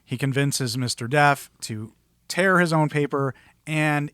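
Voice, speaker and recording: A man co-hosting a podcast, recapping a film in a measured way and dropping dry, wry remarks. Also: a little high, a bit bright, smooth, no echo. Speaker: podcast co-host. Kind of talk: casual film discussion.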